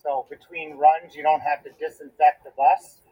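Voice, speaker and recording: A man's voice: on the high side, level tone, normal speed, breathy edge. A man calling in on speakerphone, his voice tinny like a pocket transistor radio, explaining things plainly as a school bus driver in casual chat. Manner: plain, matter-of-fact explaining with hesitant fillers. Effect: tinny, like a transistor radio over a speakerphone.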